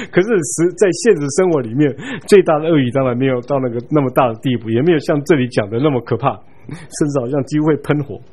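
A man giving a Bible study lecture in a relaxed, chatty way, chuckling now and then and checking in with his listeners. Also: medium pitch, slightly rough. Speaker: Bible teacher.

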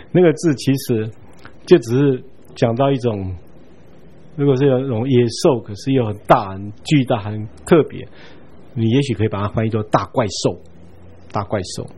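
A man giving a Bible study lecture in a relaxed, chatty way, chuckling now and then and checking in with his listeners. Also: mid-range voice, moderate pace, long pauses, husky. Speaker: Bible teacher.

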